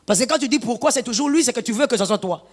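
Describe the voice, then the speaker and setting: A woman pastor delivering an animated sermon, her preaching rising to shouts. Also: on the high side, rapid-fire, big-room sound.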